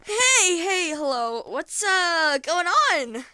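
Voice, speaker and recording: Loud stammery panicking hungover human, high-pitched and bright, woman voicing it. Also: moderate pace. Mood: flustered panic.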